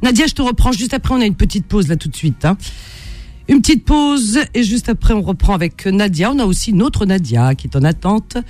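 A woman hosting a radio call-in show, reassuring her caller and brisk with listeners. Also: medium pitch, expressive, darkish tone, no room sound. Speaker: radio host.

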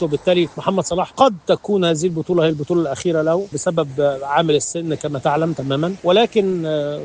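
A man's voice: fairly high pitch, darkish tone, slight background noise. A man from Egypt with an Egyptian accent, a guest sports journalist commenting without a script in an emphatic, effusive way. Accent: Egyptian Arabic. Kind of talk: unscripted commentary on radio.

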